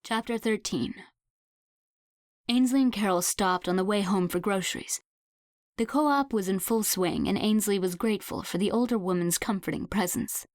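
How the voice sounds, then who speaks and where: A woman narrates an audiobook in an even, unhurried read at a mid pitch. The recording is dry and close, with no room sound. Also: no room sound. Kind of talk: scripted narration.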